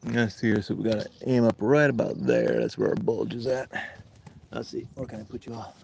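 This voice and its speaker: A man hosts a livestream from his homestead, working outdoors, sniffly from allergies, talking to himself and swearing casually. His mid-range voice is gravelly and darkish, fairly quick, with big pitch swings. A camera set up nearby picks him up in a noisy, slightly rough work-site recording.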